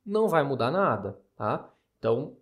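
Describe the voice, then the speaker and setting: A man with a Brazilian Portuguese accent and a medium-pitched voice talks at normal speed with big pitch swings. He's an astrologer hosting a podcast, explaining things casually in a chatty, skeptical tone full of tag questions.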